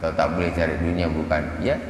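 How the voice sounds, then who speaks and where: A man preaching a sermon in a mosque, animated and repetitive, his voice jumping up sharply when he scolds. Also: extremely low pitch, quick pace. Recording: echoey mosque hall, faint noise.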